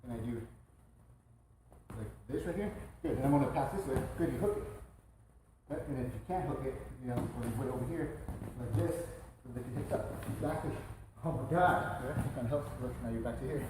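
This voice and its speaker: A man's voice: mid-range voice, fairly quick, pauses often. Man, very echoey distant recording, jiu jitsu coach, short demonstrative cues, sound words for moves. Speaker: martial arts coach. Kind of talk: hands-on jiu jitsu instruction. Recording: distant mic, echoey room, some noise.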